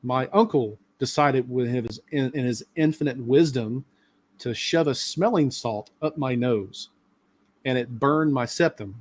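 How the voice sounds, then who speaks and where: A man's voice: medium pitch, a little slow. A middle-aged man hosting a live stream, talking casually and at length with many fillers. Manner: rambling, talkative, lots of fillers.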